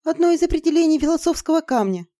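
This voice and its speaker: A woman's voice: high-pitched, lively intonation, quick pace, warm tone, dry recording, clean studio sound, voice pushed up. A woman voicing a panicky young sorceress. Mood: explaining. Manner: pleading, panicky. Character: anxious, fearful young female sorceress.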